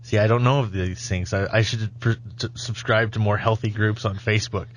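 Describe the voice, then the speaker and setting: A man's voice: on the low side, fairly even intonation, brisk. A man hosting a podcast, rambling and joking at his own expense. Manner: jokey, self-mocking, rambling. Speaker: podcast host. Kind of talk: casual podcast chat. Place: studio.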